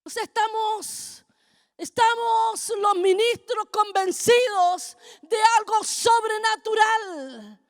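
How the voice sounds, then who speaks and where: A middle-aged woman, preaching a fervent sermon that builds to shouting. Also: very high-pitched, takes it slowly. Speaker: apostle preaching at a congress.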